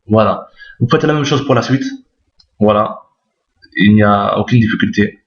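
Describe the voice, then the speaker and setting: A man's voice: on the low side, normal speed. A man teaching Arabic reading step by step, patiently repeating each point and often checking that listeners follow. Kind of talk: step-by-step lesson explaining letters on screen. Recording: roomy, dull lo-fi recording.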